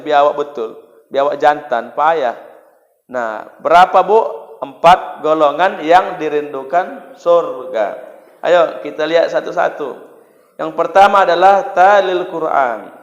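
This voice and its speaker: A man's voice: a little high, muffled recording. A male preacher giving a humorous sermon, acting out dialogues and chanting verses. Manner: lively, acts out dialogue, chants Quran verses. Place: mosque hall. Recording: echoey hall.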